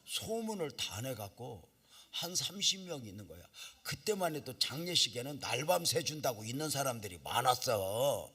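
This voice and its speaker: A middle-aged man preaching at a revival meeting in a church, telling a story with lively acted-out voices and sudden loud cries. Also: mid-range voice, normal speed, slightly rough. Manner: animated storytelling, acts out quoted voices, bursts into loud cries. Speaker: pastor. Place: church sanctuary.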